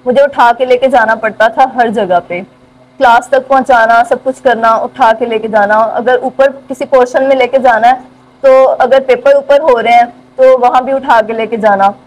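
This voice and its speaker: A woman's voice: a little high, steady tone, normal speed, low-quality recording. A young woman with a Pakistani accent, answering interview questions through a face mask. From rural southern Punjab, Pakistan. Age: young adult. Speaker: university student being interviewed. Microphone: speaking through a cloth face mask. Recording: faint ambient background noise.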